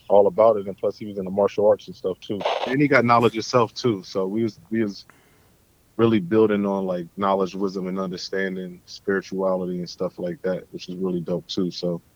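A man's voice: on the low side, a little mellow, no room sound, muffled recording. A man from Philadelphia, a guest on a podcast, talking in a laid-back, slangy, emphatic way. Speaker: guest, pro skateboarder. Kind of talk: casual chat.

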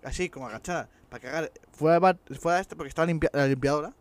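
Male co-host, excitable, rapid talker, high voice. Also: no room sound. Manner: excitable, laughs often, says "sabes". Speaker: podcast co-host. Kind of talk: casual chat.

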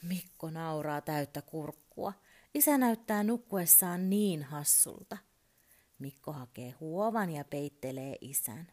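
A woman reading a children's bedtime story aloud, expressive and often dropping into a whisper. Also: low-pitched.

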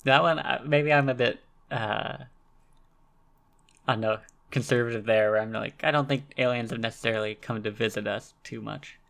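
A man co-hosting a casual podcast about a film, relaxed and hesitant, with many fillers. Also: medium pitch, normal speed, vocal fry. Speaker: podcast co-host. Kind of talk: casual movie discussion.

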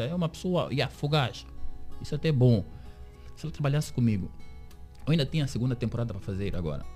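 A man being interviewed on the radio as a series creator, telling his story with lively acted-out quotes of other people. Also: sits high. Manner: animated storyteller, acts out quoted dialogue. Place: radio studio.

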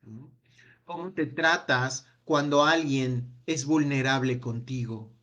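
A man leading a self-help workshop, asking a long run of gentle reflective questions that trail off with a quiet "no?". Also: medium pitch, steady tone, slow. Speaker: workshop speaker.

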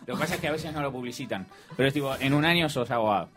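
A man's voice: mid-range voice, rapid-fire, faint music behind, close to an everyday voice. A man with an Argentine accent playing a smug, effusive posh young rich man as a guest on a comedy radio show, rambling and raising his voice. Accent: Argentine Spanish. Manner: rambling, excitable, raises his voice.

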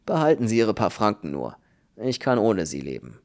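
A man doing a brisk, gruff, kindly doctor. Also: fairly low pitch, sing-song, a little mellow. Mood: hearty. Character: brisk kindly middle-aged male doctor. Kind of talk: audiobook reading.

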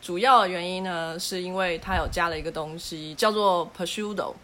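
A woman's voice: on the low side, normal speed, fairly bright tone. Woman host explaining food, playful. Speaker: podcast host. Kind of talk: casual podcast chat.

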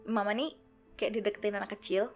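A woman's voice: medium pitch, a little fast, faint music behind. Young woman telling a ghost story. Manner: animated, acts out quoted voices. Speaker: guest storyteller.

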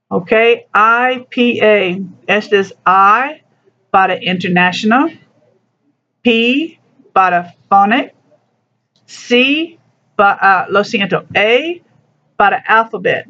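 Slow, patient teacher on a dull recording. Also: mid-range voice, fairly bright tone. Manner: slow, patient explanations mixing broken Spanish with English. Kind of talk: recorded class lesson walking through a textbook.

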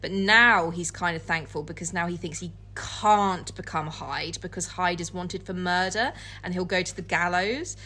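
A female podcast co-host with a lowish, pushed, bright voice speaks at a moderate pace. She swings between casual, comic chat and dramatic book readings, giggly, irreverent and free with swearing.

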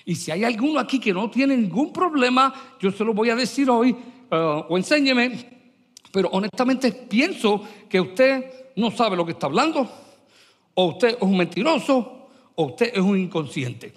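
Animated high-voiced male preacher in a hall. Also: moderate pace. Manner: animated, mixes English words into Spanish. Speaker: pastor. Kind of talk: sermon.

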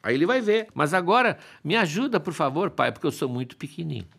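A man's voice: a little high, big pitch swings, fast talker, gravelly, fairly bright tone, slightly rough, exaggerated voice. A man voicing a crafty newborn boy god who pleads innocence in a sugary voice full of diminutives. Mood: pleading. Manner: wheedling, piles on diminutives.

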